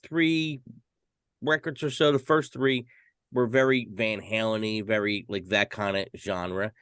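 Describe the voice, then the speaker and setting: A man's voice: lowish voice, fairly even intonation, a little slow, a bit bright, clear, resonant tone, no room sound, studio quality. A man co-hosting a casual podcast chat in an easygoing way. He laughs often and fills his sentences with "you know". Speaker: podcast co-host.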